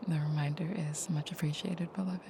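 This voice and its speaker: In an intimate audio roleplay, a woman voices a tender vampire girlfriend with a breathy near-whisper and gentle, slightly formal phrasing. Her voice is low with fairly even intonation and a slightly quick pace, over a noisy background, and she sounds calming and grateful.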